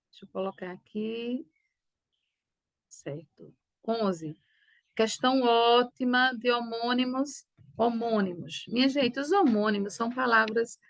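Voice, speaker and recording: Didactic higher-voiced woman teacher. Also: gravelly, no room sound. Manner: didactic, checks in with "né?" and "tá certo?". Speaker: Portuguese teacher. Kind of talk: exam review lesson.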